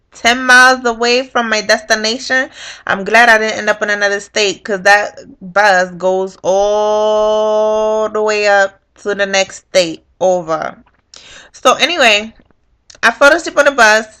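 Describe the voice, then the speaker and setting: Slow, bright young woman vlogger. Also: medium pitch, smooth. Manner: animated, profane storytelling, acting out quotes. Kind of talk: casual storytime vlog.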